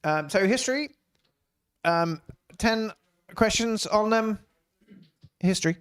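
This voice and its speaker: A man's voice: high-pitched, animated, slow pace, a bit bright, smooth. A man hosting a casual online family quiz, joking, laughing and repeating each question. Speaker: quiz host.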